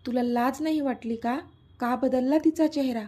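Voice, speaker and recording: Woman doing a desperate young man, angry edge, husky, fairly high. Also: steady tone, normal speed. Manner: angry, forceful.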